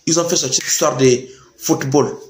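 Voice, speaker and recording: High-pitched man in an echoey room, emphatic commentary. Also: moderate pace. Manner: emphatic, repeats phrases for stress. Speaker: political commentator addressing youth. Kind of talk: impassioned informal political commentary.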